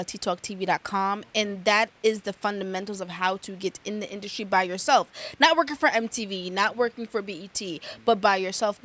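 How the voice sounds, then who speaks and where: A woman's voice: mid-range voice, fairly bright tone. Chatty woman with a Long Island accent, guest on a casual interview show, lots of fillers and restarts. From Long Island, New York. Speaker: guest, media host.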